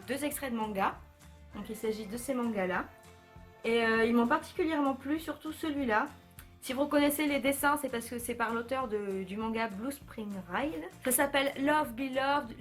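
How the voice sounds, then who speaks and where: A young woman with a fairly high voice talks through her bookshelf at home in a relaxed, chatty vlog. She hesitates often, backs up and corrects herself. Soft music plays faintly behind her. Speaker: book vlogger. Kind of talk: casual bookshelf tour vlog.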